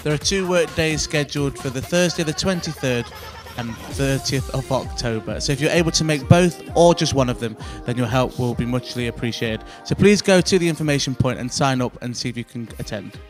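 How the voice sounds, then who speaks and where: A man's voice: medium pitch, a little fast, few pauses, faint music behind. A young man presenting church news announcements into a handheld mic in a church café, earnest and friendly. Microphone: handheld microphone.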